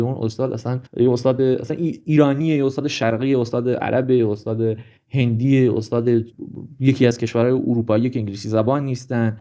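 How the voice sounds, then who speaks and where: A man's voice: medium pitch, warm tone. A man talking casually in a vlog, animatedly listing example after example. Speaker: vlogger. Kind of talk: casual monologue.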